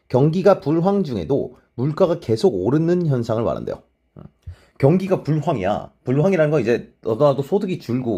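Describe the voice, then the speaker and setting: A man teaching an exam-prep lecture, talking casually and checking in with his students all the time with quick tag questions. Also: a little high, dark tone, breathy edge. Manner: mixes polite and plain speech; many short filler replies to himself.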